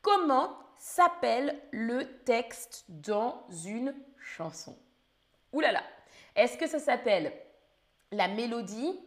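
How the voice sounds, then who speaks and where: A woman with a slightly hoarse voice teaching French on a live stream, speaking slowly and carefully and spelling words out letter by letter. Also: on the high side, lively intonation. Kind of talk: live-streamed language lesson quiz.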